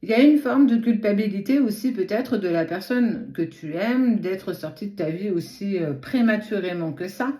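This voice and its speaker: Lady doing a card reading, mellow voice, lispy slushy sh for s, talks right at you, roomy echo. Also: medium pitch, lively intonation, moderate pace, hardly any pauses. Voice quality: lisp with slushy sh-like s from a swollen tongue. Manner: direct second-person address, frequent asides. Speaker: tarot card reader and host. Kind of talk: spontaneous tarot reading to camera. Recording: echoey room.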